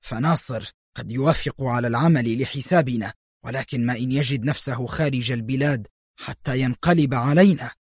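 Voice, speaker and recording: A man's voice: mid-range voice, husky, no room sound, studio quality, natural voice. A man voicing a cautious, worried officer. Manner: uneasy, cautious. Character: worried male intelligence officer.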